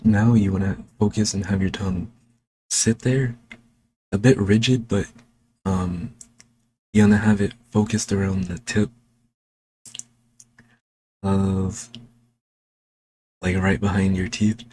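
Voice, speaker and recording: A man slowly explaining a speaking technique in a casual home tutorial, recorded on a desk microphone. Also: low-pitched, fairly even intonation, mellow, a little hiss or hum. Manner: slow, unhurried, talking while demonstrating. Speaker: language learning vlogger.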